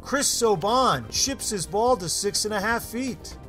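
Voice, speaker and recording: High-voiced male golf commentator narrating. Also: lively intonation, unhurried, pushed and bright, soft background music. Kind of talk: scripted sports narration.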